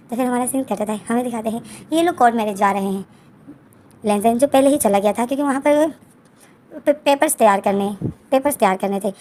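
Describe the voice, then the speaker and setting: A woman retells a romance fan story in a casual, chatty way, talking straight to her viewers. Her voice is fairly high but soft and mellow. She keeps an easy, enthusiastic flow. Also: slight background noise.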